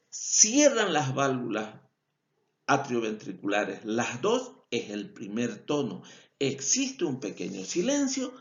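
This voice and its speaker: Bolivian male vet lecturer, slow patient explainer, lively intonation, dull lo-fi audio. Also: medium pitch. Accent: Bolivian Spanish. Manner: explanatory, repeats key points, self-corrects. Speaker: veterinary lecturer. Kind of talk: recorded lecture over slides.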